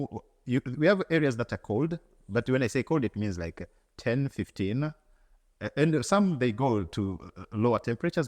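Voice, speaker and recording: A man's voice: medium pitch, a little mellow, long reverb tail. A man from Tanzania, answering as an interview guest in an earnest, reflective way, often repeating words and restarting.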